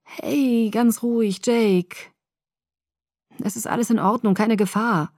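A woman's voice: fairly high pitch, fairly even intonation, slow pace, darkish tone, no room sound, clean studio sound. A woman as an urgent, anxious young woman. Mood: pleading. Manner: urgent, pleading delivery.

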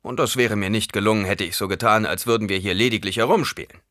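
A man voicing a stern, gruff male weapons master who scolds in a raised, forceful voice for a storybook reading. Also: on the low side, fast, no echo, clean studio sound, lightly acted. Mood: stern, scolding.

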